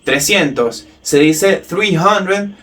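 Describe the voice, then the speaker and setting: Slow, high-voiced man teaching a lesson. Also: animated, a bit bright, recorded from a distance. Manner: slow, careful drilled pronunciation of English words. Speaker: English teacher. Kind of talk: step-by-step language lesson.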